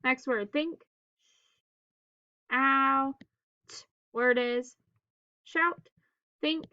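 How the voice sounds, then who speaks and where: A woman teacher leading a phonics drill for children in staccato, clipped single words with pauses between them. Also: sits high, steady tone, no echo, lo-fi sound.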